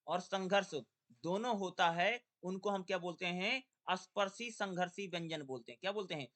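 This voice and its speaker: A young man teaching an exam-prep lesson, asking rhetorical questions and answering them himself, and drawing syllables out slowly in his drills. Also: high-pitched, a bit bright.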